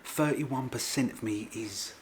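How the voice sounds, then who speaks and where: A middle-aged man from England, speaking in a mid-range voice at a measured pace, chats casually to camera for his vlog. He tends to ramble and repeat himself, and his grammar is informal and working-class.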